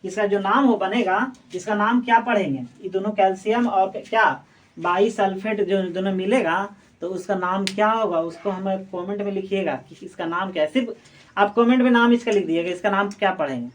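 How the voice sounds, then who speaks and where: A woman's voice: medium pitch, brisk. Woman teacher quizzing her class. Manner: quizzes students with repeated questions and answers them herself. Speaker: chemistry teacher. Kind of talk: classroom explanation. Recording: voice distant from the mic.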